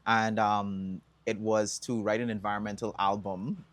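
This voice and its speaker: A Bahamian man telling stories as an interview guest, relaxed and chatty, with bursts of excited whoops. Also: lowish voice, a little slow, no echo. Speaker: songwriter and environmental advocate guest. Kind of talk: casual interview answers.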